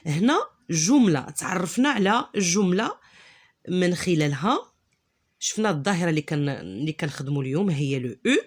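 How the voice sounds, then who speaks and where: A woman with a Moroccan accent teaching a reading lesson, drilling syllables slowly and patiently in Moroccan Arabic and French. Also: fairly low pitch, lively intonation. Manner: slow, drawn-out syllable drills, patient and encouraging. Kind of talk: reading lesson, code-switching.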